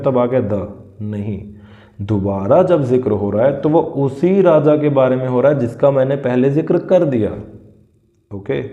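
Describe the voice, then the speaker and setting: Slow Indian man teaching English grammar. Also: mid-range voice, reverberant, lo-fi sound. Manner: explains patiently, repeating example sentences slowly. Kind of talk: casual grammar lesson in Hindi and English.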